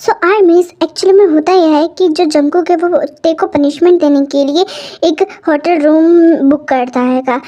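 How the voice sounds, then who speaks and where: A woman telling a fan-fiction story in a casual, chatty way, speaking straight to her listeners. Her voice is very high and her tone dark and mellow. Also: steady tone, moderate pace. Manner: chatty, addresses listeners directly.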